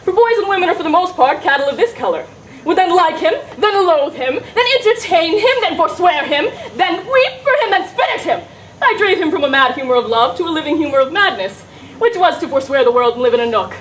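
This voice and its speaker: A woman performs a witty young woman disguised as a cheeky lad. The voice is high and the delivery is hammy, theatrical Shakespearean comedy. There is faint noise in the recording. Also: lively intonation, brisk, fairly bright tone, low-quality recording. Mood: witty, exuberant. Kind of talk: Shakespearean stage comedy acting.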